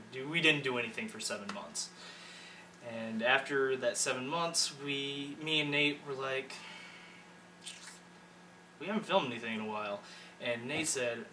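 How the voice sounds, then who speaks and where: Bright-voiced man in his twenties. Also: mid-range voice, far from the mic, a little hiss or hum, low-quality recording. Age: 20s. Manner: rambling, self-correcting. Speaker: channel editor and online manager. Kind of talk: casual self-introduction to camera.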